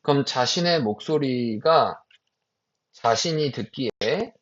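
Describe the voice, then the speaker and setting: A man teaching an English exam passage as a lecture, reading English phrases slowly with stress and asking his students quick rhetorical questions. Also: mid-range voice, lively intonation, fairly bright tone. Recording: dull lo-fi recording.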